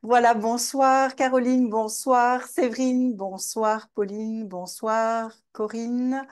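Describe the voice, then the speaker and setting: Chatty Belgian woman, slow, fairly high. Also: steady tone, clean tone. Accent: Belgian French. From Belgium, Namur region. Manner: chatty, greets attendees by name, many hesitant fillers. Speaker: webinar host and trainer. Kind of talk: live online master class.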